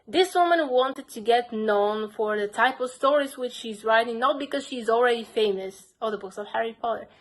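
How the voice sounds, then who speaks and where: A young woman with a Bulgarian accent earnestly reviews her crime book collection in a casual vlog, using simple phrasing and saying "basically" a lot. Her fairly high voice moves at normal speed with hardly any pauses. The audio quality is poor.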